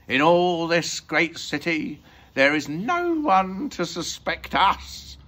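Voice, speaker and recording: A menacing sidekick burglar from a storybook, acted out by a man. He speaks loudly and deliberately, with hard emphasis and wide swings in pitch, yet seems easily spooked. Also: big pitch swings, background noise. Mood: conspiratorial. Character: Max, menacing male sneak thief, gruff sidekick, easily spooked.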